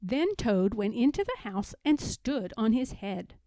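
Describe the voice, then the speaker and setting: A woman narrates a children's storybook in a measured, expressive way. Her voice is fairly high and very varied in pitch, with a mellow tone and an unhurried pace. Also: no room sound. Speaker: storybook reader. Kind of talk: scripted children's story narration, read aloud.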